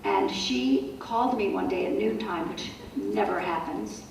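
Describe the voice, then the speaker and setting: A middle-aged woman giving a wellness talk to a support group, telling stories in a lively way with animated asides. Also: mid-range voice, measured pace, creaky. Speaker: wellness speaker. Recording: roomy hall, voice from far off, faint noise.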